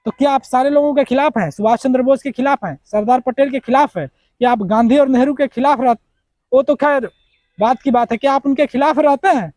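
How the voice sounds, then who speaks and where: A man's voice: very high voice, a little fast, a little mellow, dry recording. A man giving a heated political rebuttal to his viewers, combative and firing off rhetorical questions. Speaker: political commentator.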